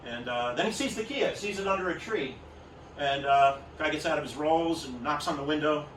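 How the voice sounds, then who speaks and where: A man's voice: on the high side, moderate pace, fairly bright tone, a little hiss or hum. A middle-aged man of Greek heritage doing stand-up at a private party, rambling, self-deprecating and teasing the crowd. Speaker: comedian. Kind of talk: stand-up comedy. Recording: roomy distant party recording.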